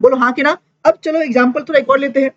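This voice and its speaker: A woman teacher giving a lively classroom lecture, mixing Hindi and English and checking in with students constantly. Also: high voice, fast talker. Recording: dull lo-fi classroom recording.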